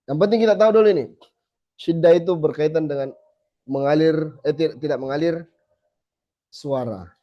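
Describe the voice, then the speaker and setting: Guy teaching recitation, slow and patient, keeps sounding out letters, mellow voice, kinda muffled audio. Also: a little high. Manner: demonstrates letter sounds by slow repetition, then corrects. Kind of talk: tajweed lesson to a small group. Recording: slightly dull lo-fi recording.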